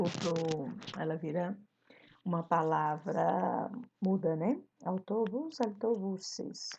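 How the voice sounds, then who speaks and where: A woman Spanish teacher with a Brazilian Portuguese accent, giving an online class, slowly repeating examples and explaining them. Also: medium pitch, vocal fry, mellow, breathy edge, rough recording.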